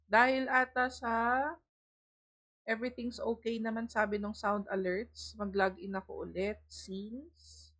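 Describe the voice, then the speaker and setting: A woman's voice: on the high side, a bit bright. A Filipino woman in her thirties, a streamer and mother, chatting casually on a live stream and telling stories with lots of laughter. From Philippines. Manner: chatty storytelling, mixing in English, laughing often.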